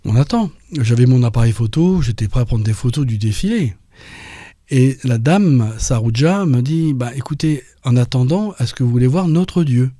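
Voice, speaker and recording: Man guest, dark mellow tone, halting personal testimony. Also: mid-range voice, expressive, no room sound. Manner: halting storytelling with many restarts. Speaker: interview guest.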